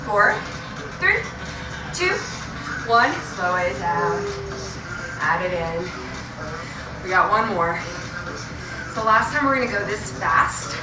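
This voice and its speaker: A woman instructs a spin class in short, motivational cues, her voice at an ordinary female pitch. She sounds distant from the mic in a roomy space, with loud workout music playing over the class. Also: sing-song, slow, long pauses. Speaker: indoor cycling instructor. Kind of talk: fitness class coaching with countdowns and cues.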